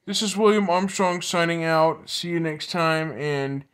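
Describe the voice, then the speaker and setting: Male vlogger, slightly high voice, casual news commentary, halting delivery that circles back over points. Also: a bit bright, clean tone. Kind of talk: casual commentary, partly reading a news report aloud.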